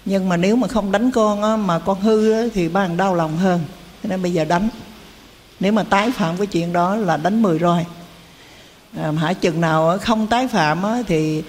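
A man's voice: sits high, normal speed, a little hiss or hum, lightly acted. A Buddhist teacher voicing a stern father lecturing his stubborn son, with a firm, lecturing manner, in a hall with long reverb. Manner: firm, lecturing, repeated questions.

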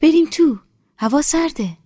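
A woman voicing a warm, motherly older village woman who coaxes and fusses in affectionate dialect. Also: high-pitched, expressive, no echo, clean studio sound, pitched above the performer's own voice. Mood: coaxing. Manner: coaxing, dialect-tinged, affectionate.

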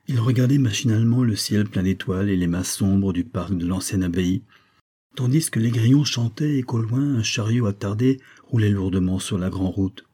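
A man reading a classic French novel aloud as an audiobook narrator, steady and unhurried. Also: on the low side, breathy edge. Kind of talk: scripted narration.

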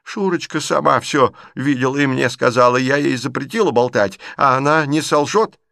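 A man voicing a sharp-tongued, blunt elderly aunt who scolds her niece in an audiobook reading. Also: medium pitch, moderate pace, gravelly, no room sound, studio quality, pitched above the performer's own voice. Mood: scolding.

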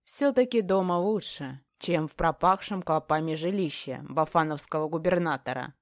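Low-voiced woman narrating a fantasy audiobook. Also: moderate pace, no echo, studio quality.

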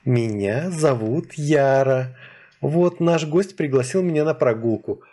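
A man with a husky voice reading an audiobook, voicing a playful, mischievous young woman who teases and laughs. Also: medium pitch, takes it slowly, warm tone. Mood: teasing. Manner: light, teasing, laughing. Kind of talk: audiobook character voice.

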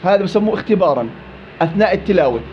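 A man's voice: high-pitched, animated, rapid-fire, a little hiss or hum. A man teaching a class on Quran recitation rules, repeating and contrasting each rule to drill it into his students. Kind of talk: classroom tajweed lesson. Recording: muffled lo-fi recording.

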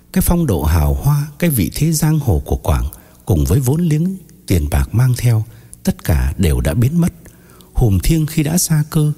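A man narrating an audiobook in an expressive, dramatic storytelling manner. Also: mid-range voice, slightly rough.

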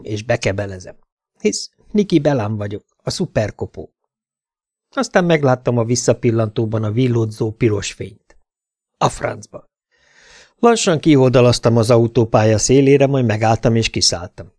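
A man's voice: mid-range voice, a little mellow, dry recording. A man reading a crime novel aloud in dry first-person narration, giving the cops their own voices. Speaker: audiobook narrator.

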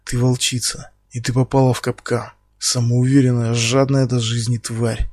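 A man voicing a menacing male captor who speaks slowly and quietly, taunting his victim. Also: medium pitch, flat delivery, no room sound, clean studio sound, natural voice. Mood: quiet menace. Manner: slow, quiet, taunting, bursts into shouting.

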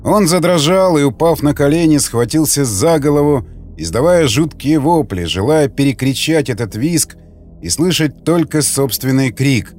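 A man's voice: fairly high pitch, lively intonation, moderate pace, darkish tone. Man narrating a grim audiobook.

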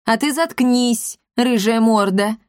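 A woman voicing a commanding male talking cat who leads a gang, speaking in a low, deliberate storybook manner. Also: darkish tone, dry recording, clean studio sound. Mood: barking. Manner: commanding, growling threats.

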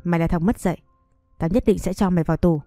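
A woman's voice: lowish voice, fast talker, warm tone, dry recording, studio quality, soft background music, close to an everyday voice. A woman reading the lines of a furious old father in an audio story, scolding harshly.

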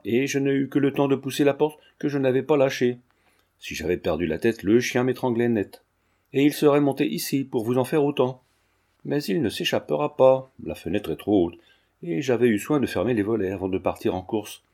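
Male reader voicing an old maid servant, frightened, mellow tone. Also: medium pitch, fairly quick, close to an everyday voice. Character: elderly female servant, frightened and blunt. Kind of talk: audiobook character reading.

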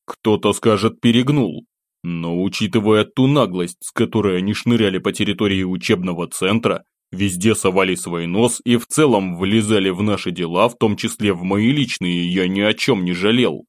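Low voiced guy reading an audiobook in first person, calm and a bit wry, dry close mic. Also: normal speed, no room sound. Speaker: audiobook narrator.

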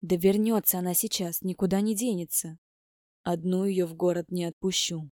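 Lady doing a bossy sarcastic girl, low dark voice, dry reading. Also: steady tone, moderate pace, no echo, close to an everyday voice. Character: brisk sarcastic young woman, bossy friend.

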